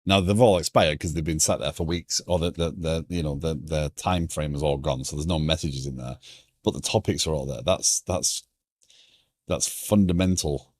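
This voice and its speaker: With a very deep voice and moderate pace, a man whose British accent has softened after years in America chats casually during a coding live stream, thinking aloud in stop-start fashion. The recording is dry and studio quality.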